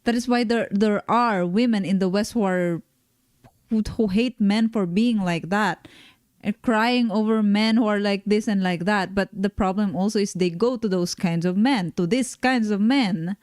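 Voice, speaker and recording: A woman streamer reacting to a panel video in live commentary, critical and exasperated, with halting restarts. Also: mid-range voice, darkish tone, dry recording, studio quality.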